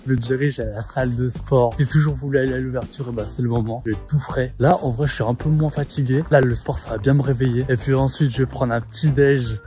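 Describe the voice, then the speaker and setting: A man's voice: mid-range voice, fairly even intonation, fairly quick, hardly any pauses, warm tone. A young man chatting to his viewers in a casual, slangy vlog style. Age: young adult. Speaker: vlogger.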